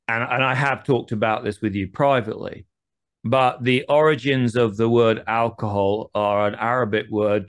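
A man hosting an interview, asking long, winding questions full of asides. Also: on the low side. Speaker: host. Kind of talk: conversational interview.

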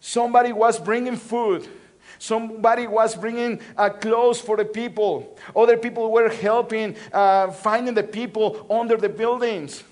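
Here a Mexico City pastor with a Mexican Spanish accent preaches in church in a high voice, at a moderate pace, with fairly even intonation. He leads call-and-response and repeats phrases, swinging from loud to soft.

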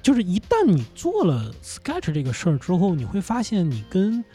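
Husky man talking in lively bursts. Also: high voice, normal speed, faint music behind. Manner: animated, laughs and swears when excited. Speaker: podcast guest, comedy company founder. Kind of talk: casual conversational interview. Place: indoor studio.

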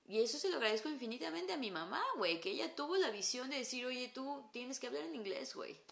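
Mexican woman english teacher, fairly high bright voice, lots of slang and swearing, kinda echoey room. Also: fast talker, vocal fry. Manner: animated, swears freely and uses slang. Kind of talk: casual podcast conversation.

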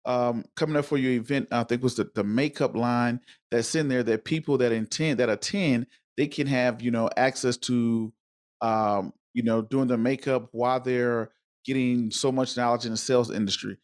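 A man's voice: mid-range voice, fairly even intonation, moderate pace, darkish tone. Man hosting a casual, rambling interview. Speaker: interviewer and host.

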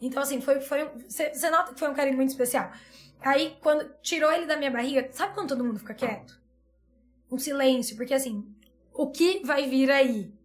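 High, fast-talking woman. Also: soft background music. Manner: earnest, tumbling storytelling with repeated phrases. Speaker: pediatrician. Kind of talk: emotional personal story in a podcast chat.

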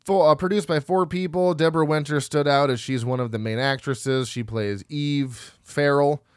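A man's voice: fairly high pitch, fairly even intonation, moderate pace, clean tone, dry recording, studio quality. A man co-hosting a podcast, casually reading through film credits, rambling and laughing at himself as he stumbles over names. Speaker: podcast co-host.

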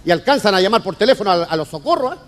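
A man with a Chilean accent doing stand-up, telling rapid slangy jokes and acting out every character. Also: high voice, animated. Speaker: stand-up comedian. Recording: echoey hall with faint ambience.

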